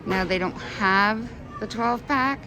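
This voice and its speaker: A woman's voice: medium pitch, slow pace. A woman chatting casually as a vlogger in a grocery store, her voice slightly muffled by a face mask. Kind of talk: casual shopping vlog chat. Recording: noisy store background.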